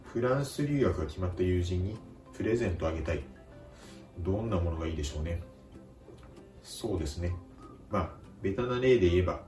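A man teaching a vocabulary lesson, speaking calmly and slowly repeating each word with careful pronunciation. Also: deep voice, roomy sound, recorded from a distance. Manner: slow, careful pronunciation drills. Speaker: language teacher.

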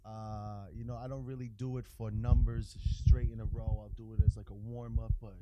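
A man's voice: lowish voice, little pitch movement, brisk, lo-fi sound. A man with a New York accent, a guest telling gym stories in casual chat. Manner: storytelling, repeats words and restarts. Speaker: guest, fitness trainer.

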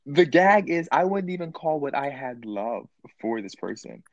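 Animated young man with big pitch swings. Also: moderate pace, no echo, highs cut off. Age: 20s. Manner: animated and playful, jumping into a high voice for emphasis. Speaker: podcast guest. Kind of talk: casual chat.

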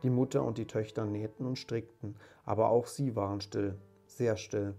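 A man with a low voice reads a classic tale aloud as an audiobook narrator. His delivery is calm and measured, and soft music plays faintly behind him. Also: creaky.

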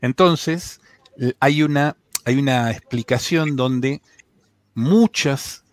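A man's voice: mid-range voice, takes it slowly, dry recording. A man from Argentina with a Buenos Aires accent, chatting casually on a radio show and explaining things at length with many restarts. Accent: Buenos Aires Spanish. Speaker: tech segment contributor.

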